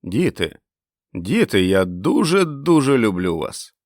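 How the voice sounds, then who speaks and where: Brief: a man playing a winged, low-voiced father, gloomy turning exultant, dry audiobook read. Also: sing-song, takes it slowly, no echo. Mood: overwhelmed. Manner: bursts into loud joyful exclamations. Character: winged grown father yearning to fly, gloomy then overjoyed. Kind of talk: audiobook character reading.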